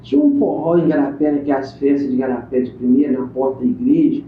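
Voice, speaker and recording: A man's voice: mid-range voice, lively intonation, quick pace, slight background noise. A man, interviewing in a chatty, casual way, prompting with questions. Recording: echoey room on a tinny phone-like line.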